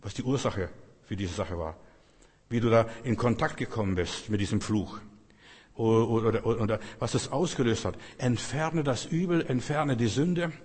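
A man's voice: lowish voice, moderate pace, a little mellow, husky. A man preaching a sermon in an earnest, repetitive way, speaking directly to his listeners. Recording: long echo of a large hall.

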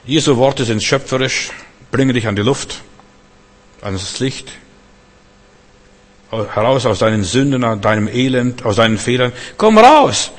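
A man preaching a sermon, swinging between loud proclamations and quiet, conversational asides. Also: mid-range voice. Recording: long hall reverb.

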